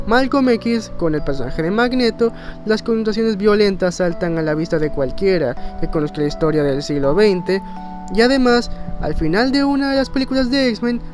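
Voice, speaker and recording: In this video essay, a man shares personal opinions in a high-pitched voice with a darkish tone. His delivery is rhetorical and emphatic, leaning hard on key words. Faint music plays behind him.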